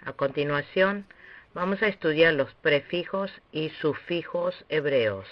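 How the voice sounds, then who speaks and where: A man teaching a recorded lesson on Hebrew pronunciation, speaking slowly and deliberately with long pauses. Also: on the high side, animated. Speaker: Bible language teacher. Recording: dull, dry lo-fi recording.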